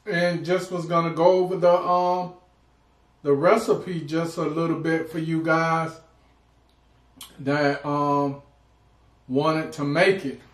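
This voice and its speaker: A man hosting a casual eating vlog, chatting informally and pausing often mid-thought. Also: fairly high pitch, flat delivery. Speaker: food vlog host. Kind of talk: casual mukbang chat while eating. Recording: roomy, echoing indoor sound.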